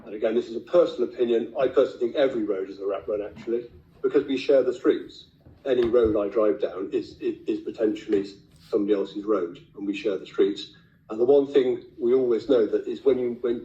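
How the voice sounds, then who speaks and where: A man with a hoarse, raspy, failing voice, speaking bluntly as a councillor at a formal meeting. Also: medium pitch, a little fast, dark tone. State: losing his voice. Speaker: county councillor. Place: indoor council meeting room. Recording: echoey meeting room, muffled lo-fi sound.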